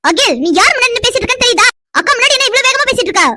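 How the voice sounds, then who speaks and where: Casting: woman voicing a scolding cartoon aunt, piercingly high, bright-edged, racing delivery. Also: expressive, rapid-fire, a little hiss or hum, full character voice. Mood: reproachful. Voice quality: reproachful.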